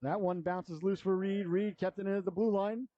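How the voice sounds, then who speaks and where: High-pitched male hockey announcer, echoey sound. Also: moderate pace, dull audio. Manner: folksy, excitable on plays, colourful slang. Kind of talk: live hockey announcer commentary.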